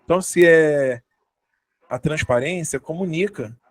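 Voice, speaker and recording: A man's voice: a little high, measured pace, no room sound, low-quality recording. A young man with a Brazilian Portuguese accent giving a conversational workshop talk, full of fillers and tag questions. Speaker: workshop speaker on communication.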